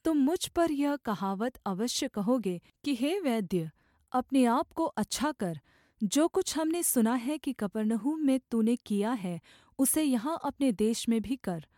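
This is a solemn, calm adult male teacher speaking with quiet authority in a measured scripture reading, as a woman reads him aloud. The voice sits somewhat high, with a lively, rolling rise and fall. The tone is mellow and soft, recorded close and dry. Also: no echo.

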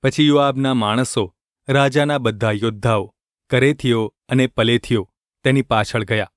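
A man reading scripture aloud in a steady, measured manner. His voice sits in a plain middle pitch, and the sound is dry and close, with no room echo. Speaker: scripture reader.

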